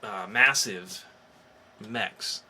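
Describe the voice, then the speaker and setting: With a lowish, bright, forceful voice, this man speaks extremely slowly. He's co-hosting a podcast, talking comics in an easygoing, excited way, and a little background noise can be heard.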